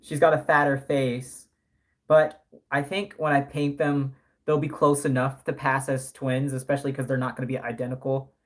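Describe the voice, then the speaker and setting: A man's voice: medium pitch, flat delivery, moderate pace. A man in his early twenties chatting casually on a live stream, rambling with many fillers and self-corrections. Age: early 20s. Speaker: live streamer and doll artist.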